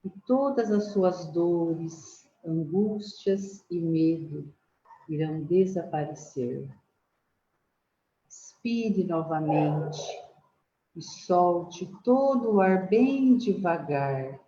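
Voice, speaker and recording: A woman leading a guided relaxation and prayer, giving slow, soothing breathing instructions. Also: on the low side, mellow. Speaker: meditation guide. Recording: roomy, slightly dull audio with faint noise.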